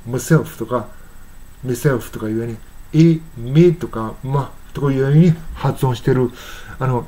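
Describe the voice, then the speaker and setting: Guy going over song lyrics, warm low-key voice, lots of ums, reads the english bits real slow. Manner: unhurried, halting with frequent fillers; reads English lines slowly and carefully. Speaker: English teacher.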